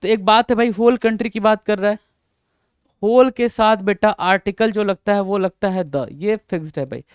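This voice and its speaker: High-voiced teacher. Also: male voice, moderate pace, clear, resonant tone, dry recording, clean studio sound. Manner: mixes Hindi and English, calls students "beta" and "sir", repeats himself. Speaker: English teacher. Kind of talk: Hindi-English grammar lesson.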